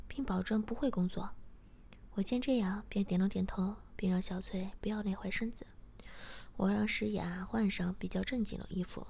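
Soft, half-whispered woman storyteller. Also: mid-range voice, creaky, slight background noise. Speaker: story reader. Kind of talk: first-person story narration.

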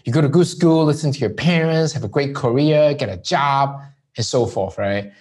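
Raised in Hong Kong, this entrepreneur guest talks at normal speed in a mid-range voice during a conversational interview. His storytelling is relaxed, peppered with frequent "right?" tags.

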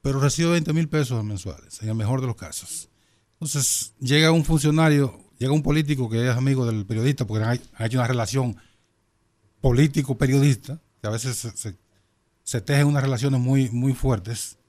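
A man with a Caribbean Spanish accent speaking in a panel discussion, haltingly, repeating words as he builds his point. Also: mid-range voice, darkish tone. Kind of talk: panel discussion on current affairs.

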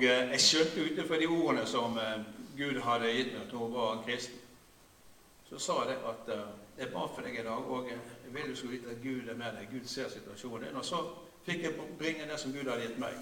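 A man, preaching a sermon in a conversational way, with frequent hesitations and often sinking into a quiet, low voice. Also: echoey room, recorded from a distance, slight background noise. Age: 60s. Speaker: pastor.

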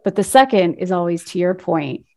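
A woman interviewer responding thoughtfully and in a measured way to her guest. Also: fairly low pitch, expressive, darkish tone. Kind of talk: interview discussion.

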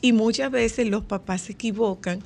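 A woman's voice: on the high side, normal speed, vocal fry, a little mellow. An older woman, co-hosting a radio talk show, emphatic and repeating words for stress. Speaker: co-host.

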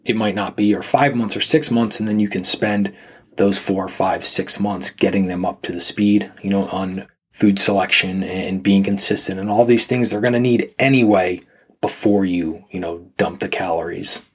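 A man's voice: low-pitched, fairly even intonation, moderate pace, a bit bright, slightly rough. A man, a nutrition coach guest on a podcast, talking casually and rambling with lots of fillers and restarts.

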